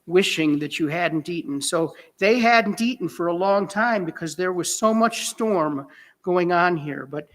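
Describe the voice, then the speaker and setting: A man preaching in a relaxed, talk-with-the-congregation way, chuckling now and then and correcting himself. His voice sits high for a man and rings bright and forceful. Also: unhurried. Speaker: pastor. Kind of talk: sermon.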